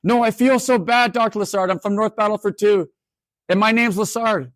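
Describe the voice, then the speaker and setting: A woman's voice: medium pitch, moderate pace, no echo, clean studio sound, pitched above the performer's own voice, close to an everyday voice. A man voicing a young female university student who keeps apologizing and pleading insistently. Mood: apologetic. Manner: pleading, repeats herself.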